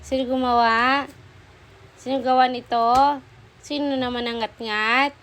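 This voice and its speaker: A woman's voice: on the high side, fairly even intonation, measured pace, a bit bright, a little hiss or hum, rough recording. A woman vlogging at home, mock-scolding and coaxing her dogs in pet talk. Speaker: vlogger and dog owner. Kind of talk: casual vlog, talking to her dogs.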